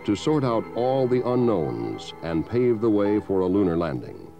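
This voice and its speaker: A man giving measured, solemn scripted narration for a documentary. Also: fairly low pitch, big pitch swings, muffled recording. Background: music.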